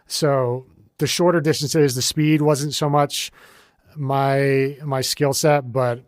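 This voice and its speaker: Relaxed rambling man, dry close sound. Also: mid-range voice, slow, no room sound. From United States. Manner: relaxed and rambling, many fillers and restarts. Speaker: guest, ultrarunner. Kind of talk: casual interview conversation.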